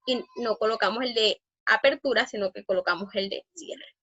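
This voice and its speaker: A woman teaching a grammar lesson in an emphatic way, often pausing on fillers and restarting phrases. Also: medium pitch, fairly bright tone, slightly rough, no echo, dull audio.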